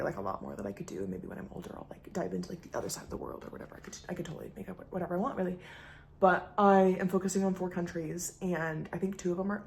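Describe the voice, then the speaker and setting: A woman's voice: fairly low pitch, gravelly, darkish tone, a little hiss or hum. A young woman rambling casually in a vlog, self-mocking, often dropping into whispers. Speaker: vlogger. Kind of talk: casual chat. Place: indoors at home.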